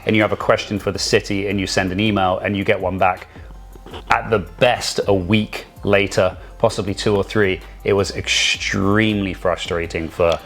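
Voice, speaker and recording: Low-voiced man chatting casually. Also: fairly even intonation, moderate pace, a bit bright, soft background music. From Vancouver area. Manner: jokey, rambling, many restarts. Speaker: real estate podcast co-host. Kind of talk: casual chat.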